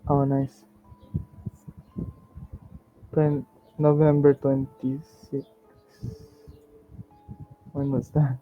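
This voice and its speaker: A man's voice: medium pitch, monotone, slow pace, soft background music. A man running a tabletop game as game master, laid-back, laughing often and fumbling through his notes. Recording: dull lo-fi sound with faint noise.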